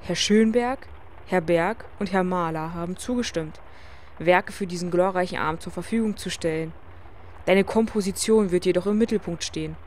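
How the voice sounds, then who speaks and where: A woman's voice: lowish voice, slight background noise, close to an everyday voice. Woman reading a polite man's letter. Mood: formal. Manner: calm, measured letter reading. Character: male friend writing a letter, polite and formal.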